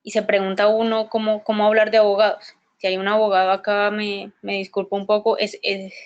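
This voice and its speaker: A woman's voice: mid-range voice, monotone, a little fast, clean tone, muffled recording. A woman speaking at a conference in a middle-range voice. She explains her points step by step, often stumbles and restarts, and keeps asking the audience for agreement with short tag questions. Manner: hesitant, repeats words and restarts often. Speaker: conference presenter. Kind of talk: explanatory presentation talk.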